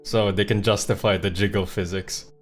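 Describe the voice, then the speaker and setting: A young male streamer chatting casually over a game. His voice is fairly low and his talk rambles in slang, with faint music behind him. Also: steady tone, moderate pace. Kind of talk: casual live game commentary.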